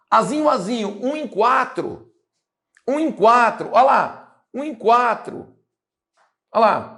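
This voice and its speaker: Lively Brazilian biology teacher. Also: male voice, high-pitched. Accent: Brazilian Portuguese. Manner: lively, talks through steps, repeats "olha lá". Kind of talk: exam-solving lesson.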